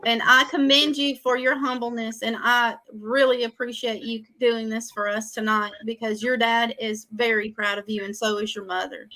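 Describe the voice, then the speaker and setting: A woman's voice: a little high, level tone, normal speed, few pauses, sharp tone, poor audio. A woman interviewing a young player, chatty and encouraging. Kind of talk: casual interview.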